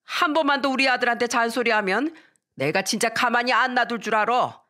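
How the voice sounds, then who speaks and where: A woman doing a shrill scolding mother-in-law. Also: brisk, pushed and bright. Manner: scolding, threatening. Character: nagging older mother-in-law, shrill and bossy. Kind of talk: dramatized story reading.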